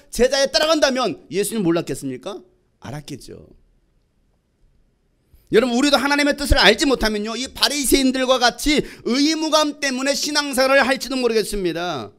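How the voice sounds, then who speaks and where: Speaking in a very high voice, a male pastor delivers a lively sermon, putting questions to the congregation and dramatizing quoted conversations.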